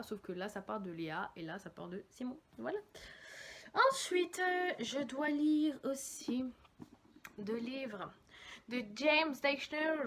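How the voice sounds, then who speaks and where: A chatty young woman talks through a pile of books, rambling and correcting herself as she goes. Her voice sits fairly high, with a faint hiss of noise underneath. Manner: chatty, rambling, lively, many fillers and self-corrections. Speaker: book vlogger. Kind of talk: casual chat.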